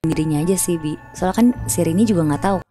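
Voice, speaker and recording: A woman's voice: lowish voice, quick pace, over music. A woman casually telling a horror story on a podcast, chatty and slangy, acting out sounds.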